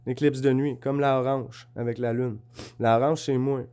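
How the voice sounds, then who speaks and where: A man's voice: medium pitch, flat delivery, normal speed, warm tone, smooth. A man with a Québécois French accent, rambling in a casual monologue to camera, insistently asking if he is understood while showing his notes and drawings. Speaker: vlogger.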